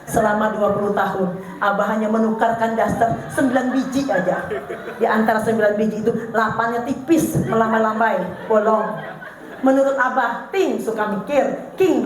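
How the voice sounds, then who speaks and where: A middle-aged woman with a Banjar accent giving a lively, humorous parenting seminar to an audience, animatedly acting out funny anecdotes about her husband. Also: on the high side. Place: large hall with an audience. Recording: very echoey hall, faint noise.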